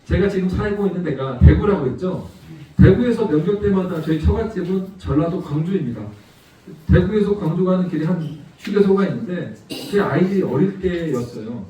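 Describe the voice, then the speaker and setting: A man preaches to a congregation, his high, soft-edged voice heard from well back in the sanctuary. The church hall rings with heavy echo. He moves through a personal story and keeps asking his listeners rhetorical questions. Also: expressive, fairly quick. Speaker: missionary guest preacher. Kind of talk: sermon. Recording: echoey church hall from far off.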